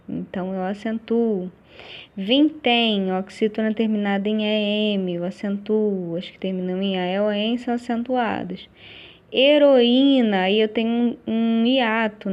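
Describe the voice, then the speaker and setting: A woman's voice: mid-range voice, highs cut off. A woman teacher with a Brazilian Portuguese accent explains grammar exercises in a chatty classroom style, often checking in with her students.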